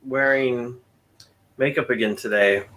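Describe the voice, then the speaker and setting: A man hosting a relaxed stream, chatting casually with friends and making joking asides about technical trouble. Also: medium pitch, measured pace, slight background noise. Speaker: stream host. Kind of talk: casual chat.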